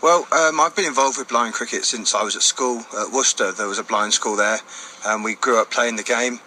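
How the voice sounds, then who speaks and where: A man's voice: mid-range voice, a little fast, sharp tone, slight background noise, poor audio. A man giving informal, step-by-step explanations as an interview guest. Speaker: interview guest, blind cricket player. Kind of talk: casual explanatory interview talk.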